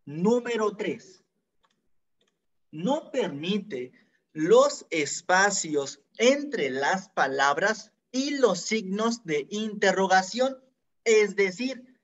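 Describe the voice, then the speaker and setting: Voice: mid-range voice, a bit bright, highs cut off. A teacher giving a scripted grammar lesson, explaining each rule with worked examples and repeating it.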